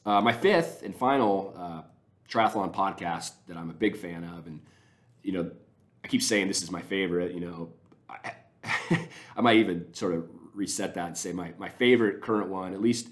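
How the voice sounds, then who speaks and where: A man with a very deep, low voice talks casually and at length on his podcast. He rambles with real enthusiasm, doubling back and restarting his sentences as he goes. The delivery is unscripted and conversational. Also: normal speed. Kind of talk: casual spoken recommendations.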